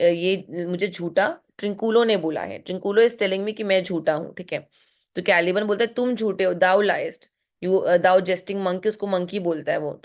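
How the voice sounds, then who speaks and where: An Indian woman teaching literature, mixing Hindi and English as she goes through a play line by line and slowing to read the quoted lines aloud. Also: on the low side. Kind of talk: line-by-line text explanation.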